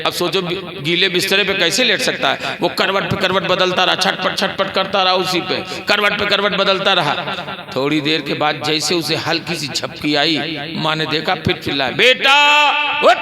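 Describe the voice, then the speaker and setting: A man's voice: fairly high pitch, steady tone, normal speed. A man preaching a storytelling sermon, colloquial and joking with dramatic build-ups. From Gonda region, Uttar Pradesh. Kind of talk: storytelling sermon at a religious gathering. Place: outdoor religious gathering with crowd. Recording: crowd audible at open-air gathering.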